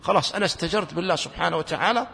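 A man's voice: on the high side, racing, creaky, bright, forceful tone, in a large hall. A man preaching a sermon in earnest, asking his listeners question after question.

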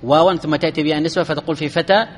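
Guy teaching grammar, a bit high voice, lots of hall reverb, quizzes his class. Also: fairly even intonation, slight background noise. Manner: explains rules step by step, asks students questions; chants verses slowly. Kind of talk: classical Arabic grammar lesson.

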